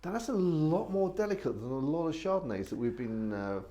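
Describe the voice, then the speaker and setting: A man's voice: fairly high pitch, sing-song, brisk, dark tone, muffled recording, a little hiss or hum. A man hosting a casual wine tasting, chatting and rambling with many restarts. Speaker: wine reviewer host.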